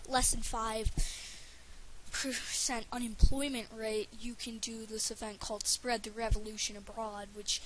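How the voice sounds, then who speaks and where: A woman's voice: fairly high pitch, little pitch movement, a little slow, rough recording. A woman giving casual gameplay commentary for a let's play, rambling and stumbling over her words with lots of fillers. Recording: faint hiss under the voice.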